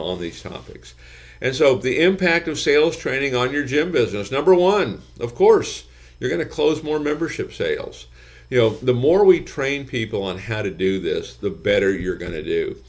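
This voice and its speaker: A lower-pitched man in his sixties talks straight into a desk webcam in his office. He coaches earnestly and keeps circling back to repeated phrases. His speech is steady and full of "you know" fillers. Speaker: gym business consultant. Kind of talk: direct-to-camera advice talk. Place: office with bookshelves, indoors.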